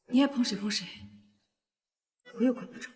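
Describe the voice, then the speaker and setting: An actress playing a proud but lovesick young ex-wife who talks in an emotional, defiant way in a TV drama. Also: female voice, a little high, fairly even intonation, measured pace, big-room sound, crowd noise, natural voice. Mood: angry. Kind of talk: TV drama acting.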